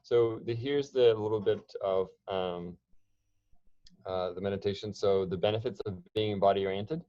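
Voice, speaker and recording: A man's voice: lowish voice, steady tone, normal speed, dark tone, no room sound, dull audio. A man presenting an online workshop, talking conversationally with frequent restarts and fillers. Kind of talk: online training talk.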